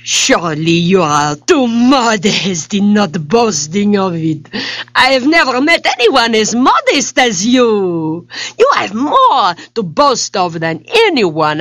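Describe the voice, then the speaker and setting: A woman voicing an effusive, excitable French king who gushes with French exclamations. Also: low voice, unhurried, dry recording, studio quality. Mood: gushing.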